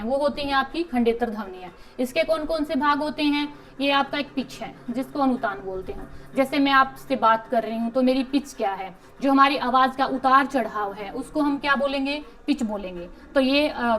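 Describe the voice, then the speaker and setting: A woman's voice: on the high side, slight background noise, low-quality recording. A woman teacher giving an exam-prep lecture, explaining step by step, asking questions and answering them herself, with English terms mixed into her speech.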